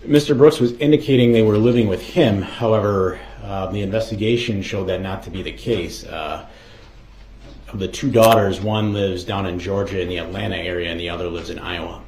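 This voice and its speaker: A man's voice: low voice, brisk, a little mellow. A male investigator giving formal, matter-of-fact testimony as a witness, with hesitant phrasing. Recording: echoey courtroom, faint noise.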